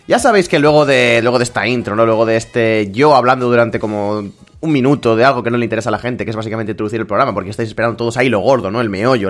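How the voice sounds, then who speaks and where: Joking, rambling young host. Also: male voice, medium pitch. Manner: jokey, rambling, laughs often. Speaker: podcast host. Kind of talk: casual podcast chat.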